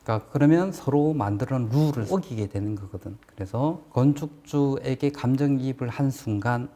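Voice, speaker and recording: A man's voice: mid-range voice, brisk, mellow. A man giving a casual explanatory lecture on construction management, plain-spoken and asking rhetorical questions as he teaches.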